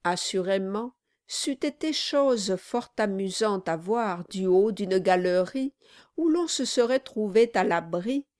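Woman narrator, scripted literary audiobook reading, slow and measured, dry close sound. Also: mid-range voice, darkish tone, no room sound.

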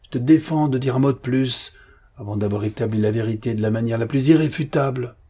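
A man's voice: medium pitch, brisk, mellow, husky, lightly acted. A man voicing a young army captain who breaks into anguished, frantic outbursts in an audiobook. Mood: demanding. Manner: cries out in raised, frantic outbursts.

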